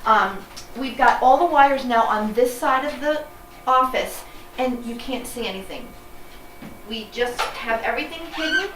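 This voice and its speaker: Woman with highish voice in echoey, noisy room. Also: measured pace, fairly bright tone. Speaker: professional organizer and presenter. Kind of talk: casual unscripted how-to demonstration. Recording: echoey room, distant mic, clear noise.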